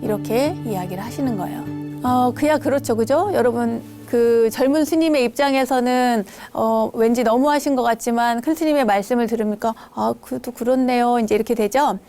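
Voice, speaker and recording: A woman's voice: on the high side, fairly quick, soft background music. A middle-aged woman, a Buddhist nun hosting the program, telling stories from temple life in a dharma talk, sometimes acting out the scolding voices of the people in them. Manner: warm storytelling, acts out quoted scolding.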